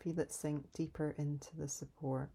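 A woman leading a calm guided grounding exercise in a soft, soothing, unhurried way, pausing between instructions. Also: deep voice, vocal fry, slightly rough. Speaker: meditation guide.

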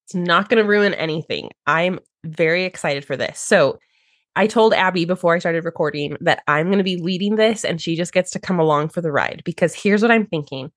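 A woman's voice: brisk, no room sound, studio quality. A woman hosting a podcast as a brand strategist and designer, explaining her process with enthusiasm and acting out her clients' reactions. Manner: enthusiastic, explanatory, acts out clients in high voices. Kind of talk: podcast conversation.

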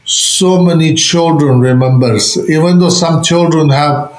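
A man giving spiritual teaching as an interview guest, speaking halting non-native English. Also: fairly high pitch. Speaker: interview guest, Buddhist lama and author. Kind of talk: explanatory spiritual teaching in conversation. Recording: roomy, echoing space.

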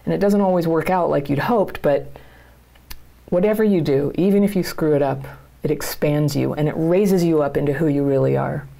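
Low, gravelly-voiced woman giving earnest advice. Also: normal speed, mellow. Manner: earnest, encouraging, plain-spoken. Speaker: channel host and coach. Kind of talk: direct-to-camera advice talk.

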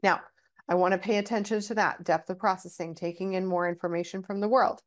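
A woman's voice: on the low side, steady tone, brisk. A woman hosting a parenting podcast, explaining in a casual teaching way with many "right?" check-ins, her voice stuffy and nasal from a cold.

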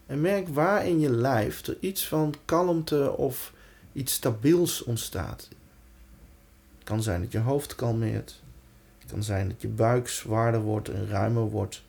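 Soothing man with a gravelly, mellow voice. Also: mid-range voice. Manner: calm, soothing, reassuring, with pauses. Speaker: relaxation and breathwork guide. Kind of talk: guided breathing and body-awareness exercise.

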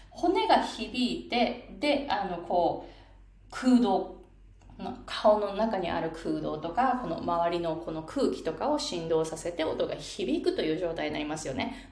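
A woman's voice: medium pitch, darkish tone, roomy sound. A woman pronunciation coach giving a casual spoken lesson and pointing to parts of her face as she explains.

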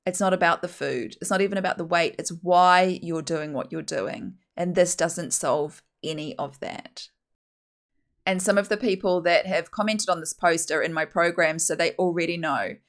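A woman with a slightly low voice and a broad Kiwi accent hosts a casual solo podcast. She talks bluntly and with emphasis, making her opinions plain as she chats to listeners. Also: moderate pace. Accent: broad New Zealand. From New Zealand. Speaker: podcast host.

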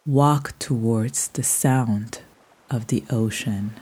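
A woman guiding a sleep meditation like a slow soothing countdown, hushed and trailing off toward a whisper, as a podcast host. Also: a bass voice, a little hiss or hum. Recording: soft music behind the voice. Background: soft music.

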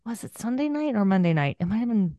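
A woman podcast host and coach talks fast in a mid-range voice, chatting casually and animatedly in an interview while telling self-deprecating stories about herself and laughing often. The recording is dry, with clean studio sound.

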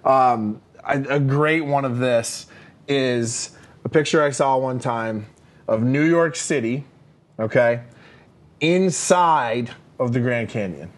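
A leadership coach co-hosting a casual leadership podcast speaks emphatically, peppering his talk with fillers and "right?" tags. His voice is mid-range and his pace slow.

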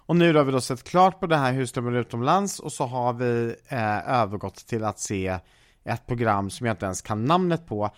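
A man's voice: medium pitch, lively intonation. A man co-hosting a podcast, chatting casually and telling meandering stories with many restarts. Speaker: podcast co-host. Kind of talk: casual chat.

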